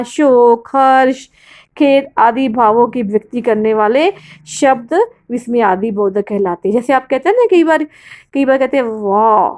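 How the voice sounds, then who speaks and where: A woman teacher explaining grammar to her students in a recorded lesson, patient and explanatory, often asking questions and answering them herself. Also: a little high. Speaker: school Hindi teacher.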